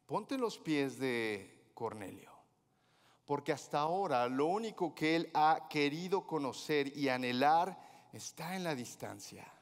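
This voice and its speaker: A man's voice: fairly high pitch, expressive, a little slow. A man preaching as a pastor, telling a story with humor and acting out the dialogue of its characters. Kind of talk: sermon. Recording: hall reverb.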